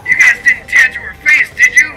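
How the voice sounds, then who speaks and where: A man talking over a phone speakerphone, joking and teasing in a deadpan way. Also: very high voice, a little fast. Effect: heard over a phone speakerphone. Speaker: boyfriend on the phone. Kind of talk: casual phone banter.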